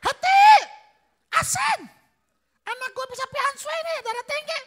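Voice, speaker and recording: A man voicing his own mother as a blunt, scolding older woman who shouts in a high, shrill voice. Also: animated, a little slow, full character voice. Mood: scolding loudly.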